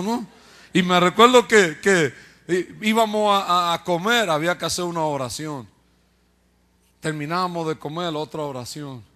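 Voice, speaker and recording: A man's voice: high voice, a bit bright. A man preacher telling his testimony with humor, acting out other people's voices and laughing at himself. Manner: acts out quoted voices, jokes and laughs at himself.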